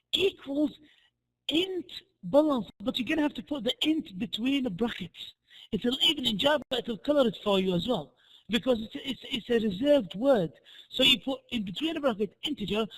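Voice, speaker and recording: Hoarse, high-pitched man giving a lecture. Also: a bit bright, poor audio. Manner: halting, repeats and restarts phrases. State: hoarse, voice worn out from a previous lecture. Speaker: programming lecturer. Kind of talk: spoken lecture with worked examples.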